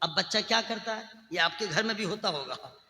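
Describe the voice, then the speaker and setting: A man preaching a sermon, swinging between loud chanted shouting and quiet conversational asides, sometimes singing Arabic verses. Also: high voice, expressive, brisk. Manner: chants Quranic Arabic in a sung tone. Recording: echoey hall with long reverb.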